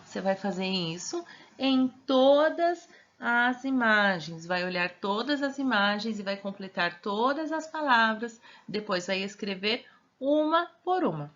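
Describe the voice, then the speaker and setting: A woman teaching a remote primary school class, speaking slowly and patiently and stretching out syllables. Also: mid-range voice, expressive, a bit bright. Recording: dull lo-fi audio.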